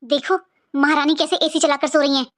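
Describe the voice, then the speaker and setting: Casting: a woman as a taunting cartoon sister-in-law, very high and shrill, sharp-tongued. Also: steady tone, brisk. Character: scheming bossy young sister-in-law. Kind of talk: cartoon voice acting.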